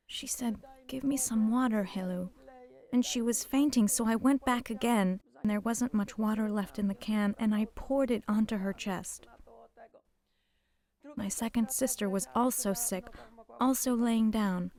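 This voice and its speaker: Older woman giving halting testimony. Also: a little high, darkish tone. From Poland. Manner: halting, emotional, drops to whispers at painful moments. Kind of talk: personal testimony.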